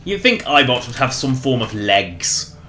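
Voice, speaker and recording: A man's voice: medium pitch, sing-song, measured pace, pushed and bright. A man livestreaming a game with casual, rambling commentary. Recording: roomy echo, faint game music behind.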